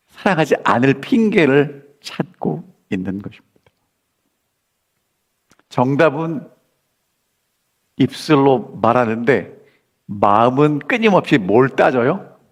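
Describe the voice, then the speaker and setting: A male pastor with a high voice delivers a sermon. He throws questions out to the congregation and acts out the lines he quotes in a lively way. His pace rises and falls with his points.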